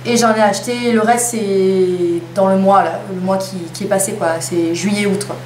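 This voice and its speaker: A woman's voice: medium pitch, fairly even intonation, moderate pace, a little mellow. A young woman chatting casually through a lipstick haul, with playful self-mocking asides. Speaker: beauty vlogger. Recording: echoey room with faint hum.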